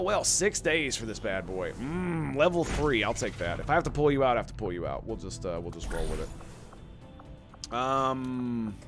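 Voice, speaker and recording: A man's voice: medium pitch, vocal fry, a bit bright. A man casually commentating his strategy game on a live stream, swearing and groaning at his own mistakes.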